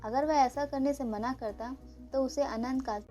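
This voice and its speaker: Woman narrating a kids' story, slightly high voice, soft music bed. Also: normal speed. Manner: steady, expressive reading.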